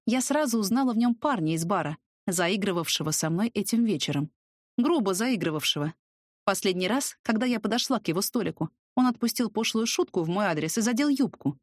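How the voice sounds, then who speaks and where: A woman narrating a first-person audiobook in a lively, expressive way. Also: medium pitch, no echo, clean studio sound.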